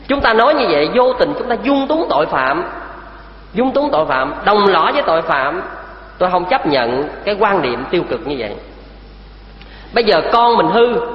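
A man delivers a Buddhist sermon in a high, animated voice that rises and falls with emphasis. He keeps turning to his listeners with rhetorical questions. The recording is dull and lo-fi, ringing in a roomy hall. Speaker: Buddhist preacher. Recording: echoey hall, dull lo-fi sound.

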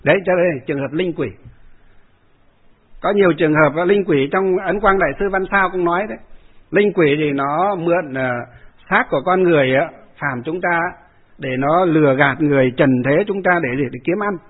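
A man's voice: on the high side, moderate pace, slightly rough. A man, a Buddhist monk, telling a story in a rambling way, full of fillers and repeated phrases. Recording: narrow phone-like radio sound.

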